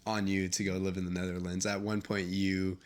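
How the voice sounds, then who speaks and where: Casual interview host: young man, deep voice, halting and rambling delivery. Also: little pitch movement. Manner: rambling, halting, lots of fillers. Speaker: podcast host.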